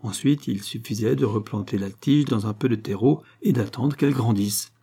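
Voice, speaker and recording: Dark, husky male narrator. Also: mid-range voice, moderate pace. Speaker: audiobook narrator. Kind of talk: scripted narration of a crime novel.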